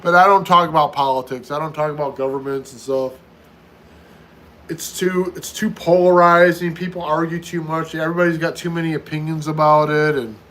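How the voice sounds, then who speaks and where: On a live stream, a US host in his fifties fields viewer questions in a row, speaking casually and frequently repeating himself. His pitch is fairly high and his tone fairly bright, though the audio quality is poor.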